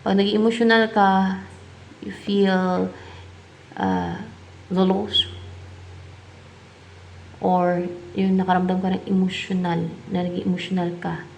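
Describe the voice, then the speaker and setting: A woman's voice: medium pitch, flat delivery, slow pace, gravelly, pauses often, a little mellow, slight background noise. A woman with a Filipino accent giving a tarot reading, musing aloud as she asks and answers her own questions. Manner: mixes English tarot terms into her talk. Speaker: tarot reader.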